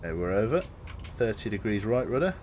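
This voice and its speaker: Low-voiced man muttering through gameplay. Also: sing-song, fast talker, darkish tone, slight background noise. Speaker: gamer commentating on own play. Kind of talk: gameplay commentary with spoken commands.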